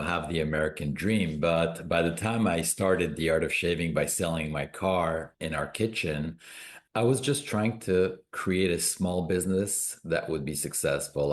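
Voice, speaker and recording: A middle-aged man, a business founder who grew up in Canada, tells his story reflectively as an interview guest, with some hesitations. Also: a bass voice. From born in Morocco, raised in Canada. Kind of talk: conversational interview.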